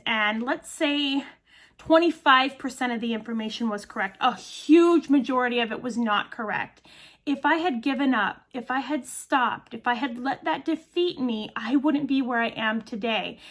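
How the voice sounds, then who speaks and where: A woman's voice: fairly high pitch, fairly bright tone. A woman in her late thirties, a medium and channel host, talking earnestly and chattily straight to her viewers. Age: 30s. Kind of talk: casual talk to camera.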